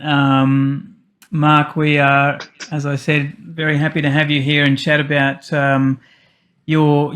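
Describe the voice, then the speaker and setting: Male podcast host, even monotone delivery, slow searching questions. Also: a little high. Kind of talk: interview questions.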